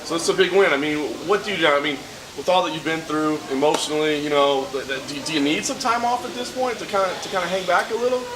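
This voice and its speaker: A man's voice: fairly high pitch, steady tone, fast. A man working as a reporter, asking rambling, stacked questions at a press scrum. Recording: noisy press room.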